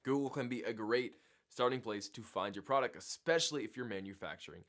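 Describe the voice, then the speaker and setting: Guy with a sick voice walking through a tutorial live, upbeat, mid pitch. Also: expressive, a little fast, fairly bright tone. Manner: upbeat, explanatory. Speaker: co-host. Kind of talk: livestream tutorial.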